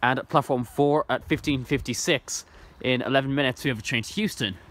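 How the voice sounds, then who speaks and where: His voice is medium-pitched, steady, brisk and fairly bright as this young man from Ireland films on a phone at an outdoor train station. The trainspotting vlogger rambles enthusiastically and casually, his speech full of ums and restarts, recorded by the handheld phone camera.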